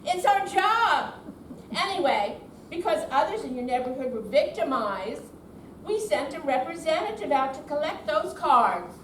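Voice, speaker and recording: In an amateur readers theater performance at a senior center, a woman plays a glib con artist posing as a bank caller. Her high voice is officious yet soothing, sing-song and unhurried, with a reassuring mood. The recording comes from far off in an echoey hall with faint noise.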